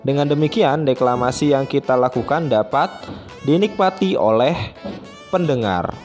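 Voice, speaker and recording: A man's voice: medium pitch, normal speed, a little mellow, faint music behind. A man who is a primary school teacher, giving a friendly, chatty online lesson to children and often starting phrases with a filler.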